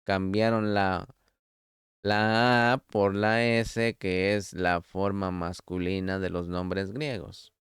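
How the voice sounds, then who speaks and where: A man with a low, very clear and smooth voice gives a sermon-style scripture lesson. He speaks slowly and deliberately, reads out verses, and turns to the listener as his beloved. The sound is dry and close, with no room echo. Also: level tone, a bit bright. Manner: slow, deliberate teaching with scripture quotes; addresses listener directly as beloved. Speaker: preacher. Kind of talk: Torah study sermon.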